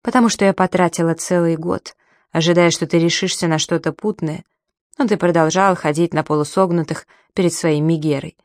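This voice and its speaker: A scornful, cold-hearted woman in an audiobook, breaking off an affair with sharp, mocking words, voiced by a female narrator. Her tone is low and the sound is dry and close. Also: fairly even intonation, fairly quick, no room sound, natural voice. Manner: sharp and mocking, then falsely sweet.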